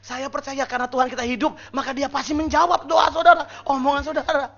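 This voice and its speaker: A man preaching a sermon to his church in a casual, lively way, acting out the congregation's responses and joking with them. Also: extremely high pitch, fast talker, creaky, lo-fi sound. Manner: lively, acts out congregation responses and mimics whispered prayers. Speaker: pastor. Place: church service.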